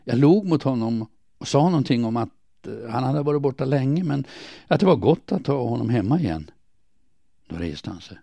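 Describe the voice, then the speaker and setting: A man reading a first-person diary aloud in a quiet, measured, somber way. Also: medium pitch, expressive, creaky, dry recording. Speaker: audiobook narrator.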